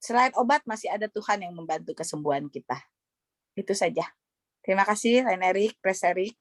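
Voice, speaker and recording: A woman's voice: medium pitch, a little fast, no echo. Earnest woman doctor retelling a patient's story over a dry video-call line. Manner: earnest, retells dialogue, frequent fillers. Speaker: doctor and panelist. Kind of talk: testimony on an online panel.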